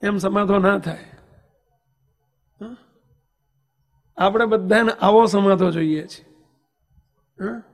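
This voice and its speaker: Very high-pitched preaching monk. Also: male voice, takes it slowly, long pauses. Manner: emphatic, with rhetorical questions to listeners; tells anecdotes and sings verses. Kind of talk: devotional sermon.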